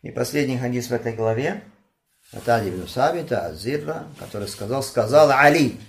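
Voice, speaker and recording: A man's voice: animated, brisk, vocal fry. A man teaching a religious lesson on hadith, impassioned and scolding, asking his listeners questions as he goes. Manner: impassioned, scolding, rising to loud outbursts then dropping low. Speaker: Islamic teacher.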